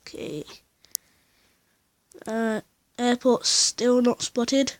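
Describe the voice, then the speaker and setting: At home indoors, a woman plays a flight simulator and flies a plane while offering casual gameplay commentary. Her voice is on the high side and extremely slow as she rambles chattily, thinking aloud.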